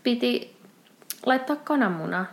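A woman's voice: fairly high pitch, expressive. A young woman co-hosting a podcast, telling everyday stories in casual chat, swearing freely and acting out her own reactions. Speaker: podcast co-host.

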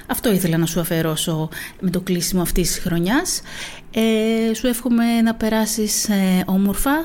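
A woman reading a children's storybook aloud with lively expression, then chatting casually about it to her listener. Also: a little hiss or hum. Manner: expressive reading, voicing quotes with pitch lifts and whispers; casual, chatty comments with fillers after the reading. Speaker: children's book reader.

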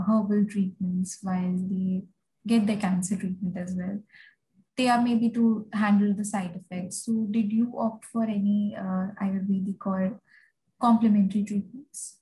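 A woman's voice: medium pitch, mellow, rough recording. A woman asking conversational questions as an interviewer.

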